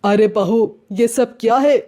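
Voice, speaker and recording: A woman's voice: a little high, slow, dark tone, pitched below the performer's own voice. A woman voicing curt adult men of the family in a cartoon story.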